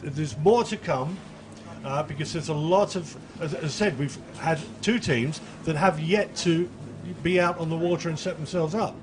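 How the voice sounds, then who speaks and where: A man's voice: fairly high pitch, moderate pace, background noise. A man doing live race commentary in a chatty, jokey way, describing boats he watches out the window.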